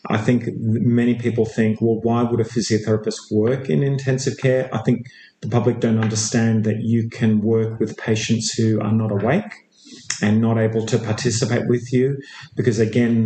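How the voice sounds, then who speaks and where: Male physio in his fifties, mellow, measured guest, slightly roomy sound. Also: fairly low pitch, level tone. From Australia. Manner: measured, explanatory, with frequent fillers. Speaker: intensive care physiotherapist and researcher. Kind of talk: interview guest.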